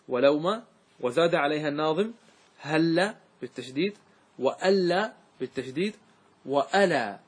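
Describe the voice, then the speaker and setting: A sheikh with a voice on the high side teaches grammar, chanting verses slowly. He frequently asks his class whether everything is clear.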